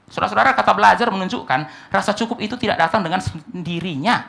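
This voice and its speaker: A male pastor delivering a sermon, swinging between loud emphatic lines and quiet asides, acting out short dialogues in a lowered voice. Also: quick pace, vocal fry. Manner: preaching with sweeping pitch swings, drops to quiet asides. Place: church hall.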